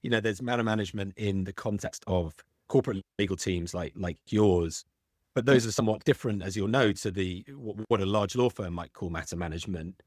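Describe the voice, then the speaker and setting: Speaking briskly in a low, darkish voice, this middle-aged British legal tech founder is a guest on a podcast interview. He gives long explanations, frequently stumbling and restarting on little words. The recording is dry and studio-clean.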